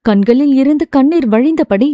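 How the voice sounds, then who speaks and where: A woman narrating a novel as an audiobook narrator, with a steady storytelling delivery. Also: high voice, moderate pace, dry recording, studio quality.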